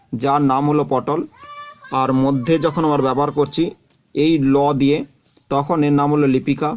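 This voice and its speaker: A male teacher gives a patient classroom lecture, working through his points one by one. His voice sits a little high for a man. He keeps turning to his students and telling them to look at what he is showing. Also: a little mellow. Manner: explains step by step, repeating terms and examples.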